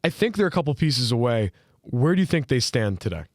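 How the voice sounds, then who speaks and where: A man hosts a casual sports podcast and talks in a loose, rambling way full of fillers and restarts. His voice sits at a middling pitch. The sound is dry and close, with no room around it. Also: sing-song, fairly quick, a little mellow, dry recording. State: hiccuping. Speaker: podcast host.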